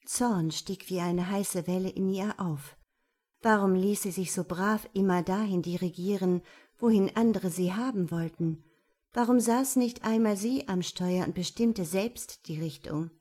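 A woman narrating a novel as an audiobook, in steady, measured storytelling. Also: medium pitch. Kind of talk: scripted narration.

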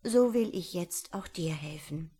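A woman's voice: fairly low pitch, expressive, a little slow, breathy edge. A woman reading a children's story aloud and voicing a female barn owl who begs for help and later offers it kindly. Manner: pleading, tearful, later gentle and solemn. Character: desperate, then grateful female barn owl.

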